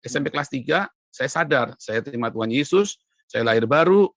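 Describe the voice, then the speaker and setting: A man giving an animated interview testimony as an evangelist, emphatic and often rising sharply in pitch and loudness, addressing the host respectfully. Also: brisk, dry recording. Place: Europe.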